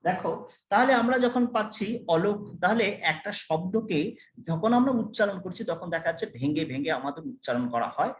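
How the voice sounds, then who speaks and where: A man with a high voice teaches a college class in an echoey classroom. He explains step by step, repeats the key terms and stops to quiz his students. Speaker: college lecturer. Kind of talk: classroom lecture.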